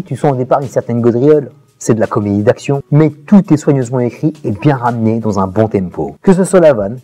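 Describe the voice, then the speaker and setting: Guy reviewing a show, super fast, kinda husky, talks to u like a buddy. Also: medium pitch, mellow. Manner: slangy, addresses viewer as buddy. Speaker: video reviewer. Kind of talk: casual series review to camera.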